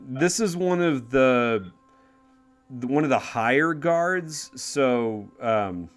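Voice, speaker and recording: A man's voice: medium pitch, expressive, takes it slowly, soft background music. Man, game master, tabletop narration, rambling, casual. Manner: rambling, full of fillers and restarts.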